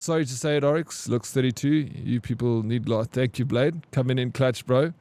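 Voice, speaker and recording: A man's voice: medium pitch, moderate pace, darkish tone, no echo. A man in his forties chatting casually with his live-stream chat, joking and answering comments. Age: 40s. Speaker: game streamer.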